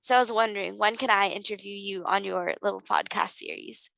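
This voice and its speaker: A woman's voice: mid-range voice, fairly even intonation, a little fast, gravelly, a bit bright, no room sound, rough recording. A teenage girl speaking earnestly and reflectively as a podcast guest, with frequent ums. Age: teens. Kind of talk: podcast interview.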